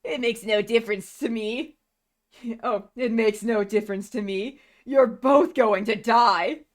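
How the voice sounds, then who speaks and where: A vain, domineering woman pirate captain from a cartoon, voiced by a woman. She speaks haughtily with open menace. Her voice sits fairly high. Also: measured pace, close to an everyday voice. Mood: threatening. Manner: haughty, threatening.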